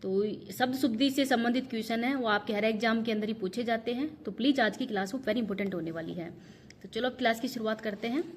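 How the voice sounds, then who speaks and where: A woman's voice: a little high, fast talker, slight background noise. A woman teacher with a Rajasthani Hindi accent, running an exam revision lesson and drilling each word to stress its correct spelling.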